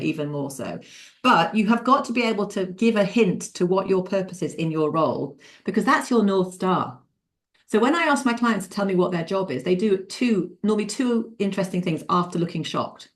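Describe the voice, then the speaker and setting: A woman leads an interactive leadership webinar over a video call. She talks in a lively, encouraging way, laughs often and calls on participants by name. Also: mid-range voice. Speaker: leadership mentor running a webinar.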